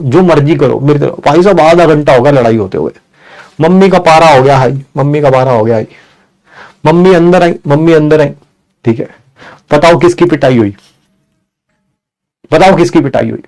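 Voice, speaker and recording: Guy with a kinda high voice telling a funny story to his class, animated, keeps asking "right?". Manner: lively, addresses listeners with "bhai sahab" and "hai na". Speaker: teacher telling a story to students.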